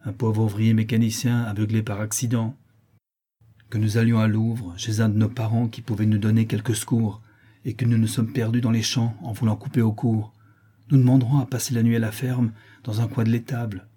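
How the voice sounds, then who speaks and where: A man voicing a cold, calculating brigand in an audiobook, calm and authoritative. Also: lowish voice, moderate pace, slightly rough. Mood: commanding.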